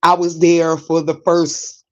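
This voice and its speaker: A woman in her forties with a Brooklyn New York accent, hosting a podcast in casual chat, animated, laughing often and digressing. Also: low-pitched, takes it slowly, muffled recording. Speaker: podcast host. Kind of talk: casual chat reading listener comments.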